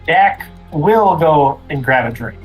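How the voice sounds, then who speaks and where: A man playing a tabletop role-playing game, speaking casually and haltingly as he improvises his character's actions. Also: on the high side, expressive, faint music behind, poor audio.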